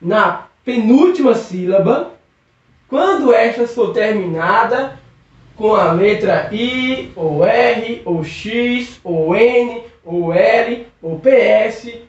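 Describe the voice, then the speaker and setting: A man teaching a recorded video lesson, patiently drawing out syllables and checking in with "okay?" again and again. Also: high-pitched. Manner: patient, drawn-out stressing of syllables, constant check-ins. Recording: echoey room, distant muffled mic.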